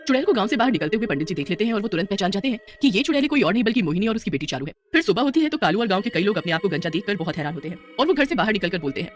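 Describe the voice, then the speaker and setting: A woman narrating a cartoon story in a brisk storytelling manner. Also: medium pitch, sing-song, soft background music.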